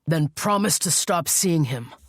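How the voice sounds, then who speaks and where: A woman voicing a troubled, volatile young man in an audiobook, speaking slowly through clenched tension. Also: a little high, lively intonation, no room sound, studio quality. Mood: menacing. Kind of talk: audiobook character reading.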